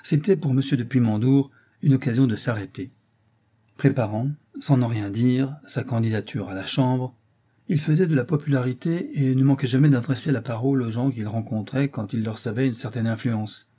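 A male audiobook narrator with a husky, mellow, mid-range voice gives a steady, measured scripted reading of a classic novel.

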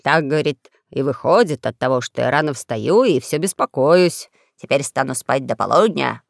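A woman voicing a gruff, scheming old con man who poses as a king, speaking in a low menacing growl. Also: lively intonation, normal speed, no echo, studio quality, full character voice. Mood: snarling.

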